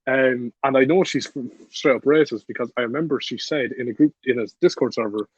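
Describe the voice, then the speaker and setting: A husky-voiced young man in his late teens tells his story as a podcast guest, blunt and swearing freely, with laughs mixed into his talk. The recording is dull and lo-fi, and dry with no room sound. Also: medium pitch, brisk, no room sound. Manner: profane, blunt, laughs while telling the story. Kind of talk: casual storytelling.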